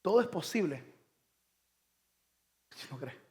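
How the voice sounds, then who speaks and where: A preacher voicing a calm, gentle Jesus. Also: male voice, a little slow. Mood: gently reproachful. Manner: soft, lower and quieter than his preaching. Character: calm, gently reproaching Jesus, a grown man.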